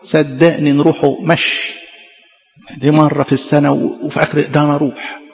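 A man with an Egyptian Arabic accent, a priest preaching a lively sermon full of rhetorical questions. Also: a little high, a little fast, in a large hall, highs cut off.

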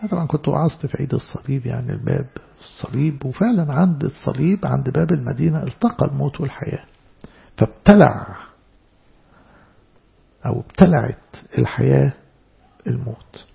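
A man with an Egyptian Arabic accent preaching a church sermon, stressing words loudly and then dropping into soft asides. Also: mid-range voice, brisk, gravelly, pauses often, slightly rough, lo-fi sound. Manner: emphatic, swinging between loud stresses and soft asides.

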